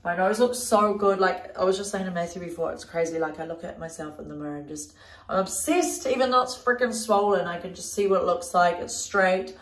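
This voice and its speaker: Holding her phone at arm's length, a young New Zealand woman records a chatty vlog in a small bathroom that makes her voice echo. She talks a little fast in a lowish, stuffy, nasal voice, peppering her speech with "like" and "um."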